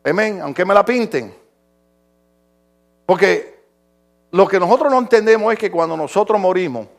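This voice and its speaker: Middle-aged male pastor, impassioned sermon delivery, high pitch with a rough, gravelly edge. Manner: impassioned preaching, swinging from shouts to quiet.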